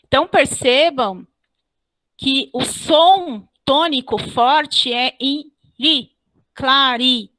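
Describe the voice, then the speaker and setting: A woman teacher giving an online class. She explains step by step, spells out syllables slowly and keeps checking with "ok?". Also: sits high, a bit bright, dry recording. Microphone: computer mic on a video call.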